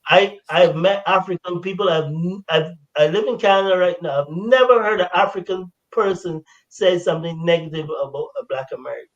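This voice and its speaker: A man from Barbados with a Barbadian accent, telling lively stories in a casual panel discussion. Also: sits high, fairly quick, hardly any pauses, muffled recording. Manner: animated storyteller, acts out quotes. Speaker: panel guest.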